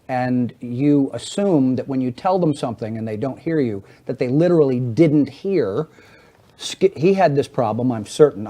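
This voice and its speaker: A man's voice: mid-range voice, dark tone. A middle-aged man on a talk show explaining hearing to the hosts, teaching in a didactic way and acting out little everyday scenes. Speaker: hearing aid specialist guest.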